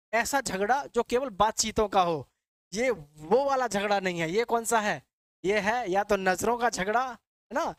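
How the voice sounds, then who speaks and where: A male English vocabulary teacher with a high voice lectures his class in a dry recording. He repeats each word and quizzes the students call-and-answer style, addressing them as "beta" and "bachche."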